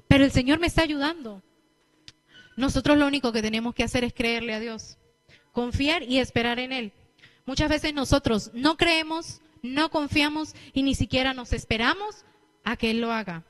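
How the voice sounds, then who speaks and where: A young woman preacher with a Latin American Spanish accent, giving a lively sermon and acting out what people say. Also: high-pitched, normal speed, soft background music. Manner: lively storytelling, acting out quotes.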